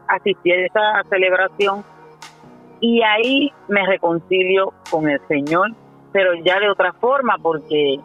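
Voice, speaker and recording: A woman's voice: lowish voice, phone-quality sound. A woman in her fifties with a Puerto Rican accent, telling her faith testimony earnestly, with frequent "eh" and "¿verdad?" asides. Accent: Puerto Rican Spanish. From Puerto Rico. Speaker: minister giving her testimony. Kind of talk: personal testimony on a radio show.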